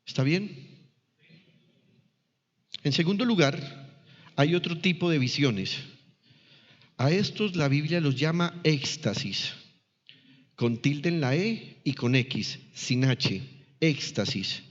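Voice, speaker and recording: Preaching man with a higher voice in a reverberant hall. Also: expressive, slow, long pauses. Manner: teaching, addresses the congregation with questions. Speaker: pastor. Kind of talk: sermon. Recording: long reverb, dull lo-fi church recording.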